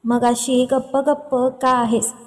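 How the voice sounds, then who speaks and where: A woman voicing a lively, teasing young sister who keeps asking questions. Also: high-pitched, slow pace, big-room sound. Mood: chatty. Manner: chatty, pestering questions.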